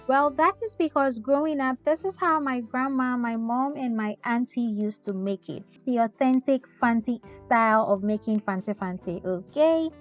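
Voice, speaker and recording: A woman hosting a cooking tutorial, talking the viewer through each step in a chatty way and often checking in with "okay?". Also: fairly high pitch. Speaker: cooking channel host. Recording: slightly dull sound with faint music.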